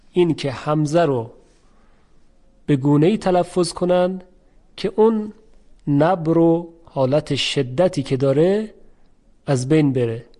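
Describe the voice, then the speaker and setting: A man giving a Quran pronunciation lesson, speaking slowly and demonstrating sounds by repeating them. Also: a little high, warm tone. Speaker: Quran recitation teacher. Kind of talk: tajweed lesson.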